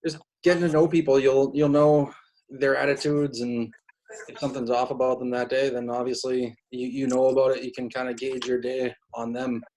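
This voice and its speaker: A man who is a fire company officer, answering questions in an online group call with hesitant pauses. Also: mid-range voice, level tone, a little mellow, low-quality recording. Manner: hesitant, many "um" fillers.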